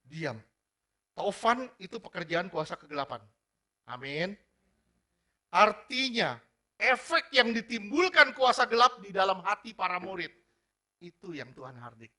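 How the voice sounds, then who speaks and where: Male pastor preaching, high bright voice, keeps asking the crowd questions, slangy and energetic. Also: unhurried, pauses often. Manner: energetic, asks the congregation rhetorical questions; mixes formal preaching with casual slang. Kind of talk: sermon.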